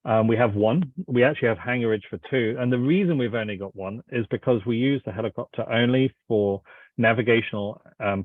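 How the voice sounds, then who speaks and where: A man answering questions as a company representative, informal and halting in his delivery. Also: lowish voice, dry recording. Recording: thin phone-like line.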